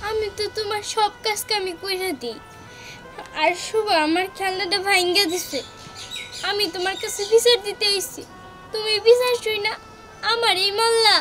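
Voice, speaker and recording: A woman's voice: very high-pitched, fairly even intonation, moderate pace. Whiny wronged village girl, acted by a woman. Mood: plaintive. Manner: plaintive, whiny, pleading. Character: young village girl, wronged and complaining stepdaughter. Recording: music playing under the voice.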